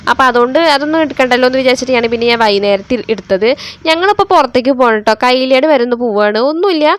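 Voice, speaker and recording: Young woman, family vlog voice-over, chatty, rapid-fire, slightly high voice. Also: animated, slight background noise. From Kerala, India. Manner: chatty, tags sentences with "you know". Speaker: family vlogger and mother. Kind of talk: casual voice-over vlog narration. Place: indoors, near a road with passing traffic.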